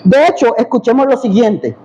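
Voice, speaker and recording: Male pastor, high voice, teaching sermon with rhetorical questions, long church-hall reverb. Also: expressive, normal speed, mellow, highs cut off. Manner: asks the congregation questions and answers them.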